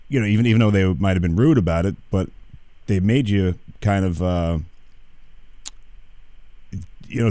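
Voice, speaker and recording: A man interviewing a guest on the radio, halting as he asks questions, often restarting and repeating words. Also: low-pitched, warm tone, dry recording.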